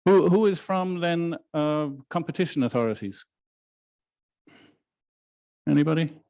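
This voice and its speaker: Halting man giving a law lecture. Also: a little high, expressive, gravelly, darkish tone. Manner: measured, halting, frequent restarts. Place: lecture room in Brussels, hybrid with online audience.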